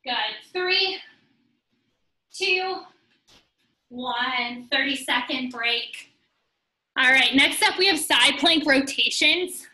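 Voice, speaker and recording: Young woman coaching a workout class, high bright voice, counts down reps, a bit far off in a roomy space. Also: takes it slowly, long pauses. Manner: steady counting cues, instructive while exercising. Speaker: fitness instructor. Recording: roomy sound, distant from the mic.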